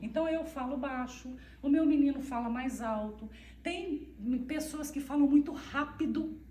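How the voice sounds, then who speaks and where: Soft-spoken woman in an echoey hall. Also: sits high, moderate pace, a little hiss or hum. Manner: soft, even-toned, speaks of her monotone voice. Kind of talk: informal talk to a church group. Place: church hall. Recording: echoey room, far from the mic.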